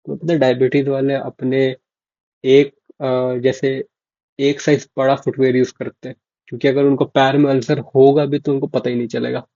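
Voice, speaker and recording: A man's voice: mid-range voice, little pitch movement, normal speed, creaky, warm tone, no room sound. Casual young male medical tutor. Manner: casual, asks "ok?" and repeats key terms to check understanding. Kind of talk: informal lecture explaining to students. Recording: dull, dry lo-fi mic.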